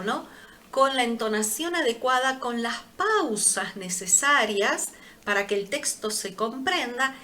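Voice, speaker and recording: A woman's voice: a little high, fairly bright tone. A woman teaching a seminary class on preaching, speaking. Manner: measured teacherly, frequent "¿no?" tag questions. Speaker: seminary lecturer. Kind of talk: recorded online class lecture.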